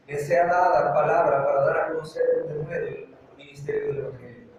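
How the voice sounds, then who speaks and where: A male pastor preaches fervently, his somewhat high voice pressing into urgent, repeated calls. He sounds far from the microphone in a heavily echoing church sanctuary. Faint noise sits under the recording. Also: a little mellow, highs cut off. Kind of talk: sermon.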